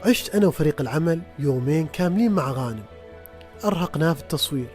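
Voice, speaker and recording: A documentary narrator speaks fast with an animated, rising and falling delivery, reflecting in voice-over. Faint music plays underneath. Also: medium pitch.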